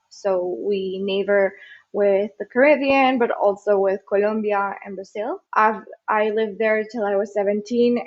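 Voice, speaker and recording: Young woman from Venezuela, podcast guest, relaxed and chatty, slightly dull lo-fi recording. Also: mid-range voice. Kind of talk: casual interview chat.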